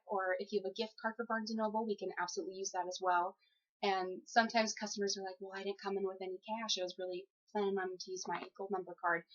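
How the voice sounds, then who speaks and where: A young adult woman with a medium-pitched, slightly bright voice answers conversationally as a job applicant in a phone interview. She's polite, easygoing and giggly, and the phone recording sounds dull and lo-fi.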